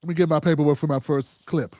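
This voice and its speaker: A man's voice: fairly high pitch, steady tone, fast, dark tone, no room sound, clean studio sound. A man hosting his own commentary show, talking loosely and profanely, rambling and calling his viewers "fam". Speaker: host. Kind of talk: casual political commentary monologue.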